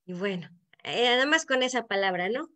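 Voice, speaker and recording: A middle-aged woman with a Veracruz Mexican accent leads an online poetry class over a video call. Her voice sits a little high. She explains patiently and often tosses in a questioning "no?" to keep her listeners with her. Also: expressive, brisk, sharp tone. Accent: Veracruz Mexican Spanish. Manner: explanatory, asks the group to check in with frequent "¿no?". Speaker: poetry workshop teacher. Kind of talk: online workshop lesson.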